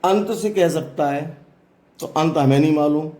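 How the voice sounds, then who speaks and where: A man's voice: a little high, normal speed, dark tone, reverberant. A man teaching a classroom math lesson, explaining step by step and asking students questions as he goes.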